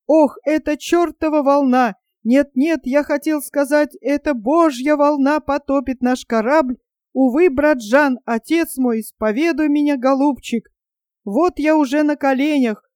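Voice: high voice, a little slow, darkish tone, no room sound, studio quality. A reader voicing a cowardly man who wails and stammers in terror during a storm at sea. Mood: terrified. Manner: wailing, stammering, whimpering.

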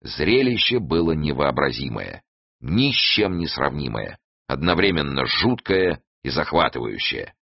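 Deep-voiced male audiobook narrator. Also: measured pace, creaky, no echo, lo-fi sound. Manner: expressive storytelling. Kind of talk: scripted narration.

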